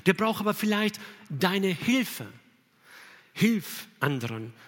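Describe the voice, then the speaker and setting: A man's voice: high voice, sing-song, slow, a bit bright. Earnest male preacher in a reverberant hall. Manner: earnest, emphatic preaching with rhetorical questions. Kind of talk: sermon.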